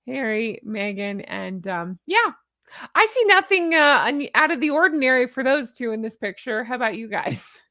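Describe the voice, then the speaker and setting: Chatty, higher-pitched woman with a honking voice. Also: expressive, normal speed, bright, forceful tone, no room sound, clean studio sound. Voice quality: honking voice, likened to a goose. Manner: chatty, jokey, exclamatory. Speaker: YouTube host. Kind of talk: casual livestream-style reaction commentary.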